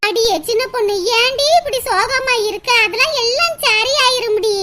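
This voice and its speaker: A piercingly high-voiced village auntie, as a woman acts her out, ordering people to eat and brushing off their worries with a scolding laugh. The cartoon recording sits on a heavy wash of loud noise. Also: moderate pace. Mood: consoling. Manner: scolding yet comforting, teasing with laughs. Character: bossy kind-hearted village woman, older sister figure. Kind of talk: cartoon voice acting.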